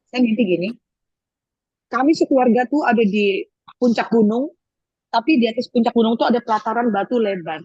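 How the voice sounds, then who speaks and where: A middle-aged woman giving a personal faith testimony as an interview guest, telling her story in an animated way and acting out the voices she quotes. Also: on the high side, a little fast, slightly rough, no room sound. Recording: dull lo-fi sound.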